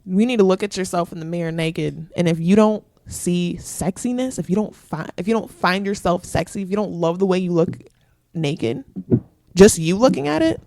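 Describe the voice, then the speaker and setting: A woman guest talking candidly in a casual podcast chat, with quick restarts. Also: on the low side, dark tone. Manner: candid, chatty, fast restarts. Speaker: guest, exotic dancer.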